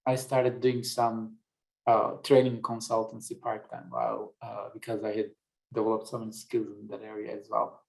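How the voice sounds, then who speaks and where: A man's voice: lowish voice, monotone, normal speed, creaky, a little mellow, rough recording. A middle-aged man from Turkey, speaking in a webinar discussion, reflective and thinking aloud with frequent fillers. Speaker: panelist.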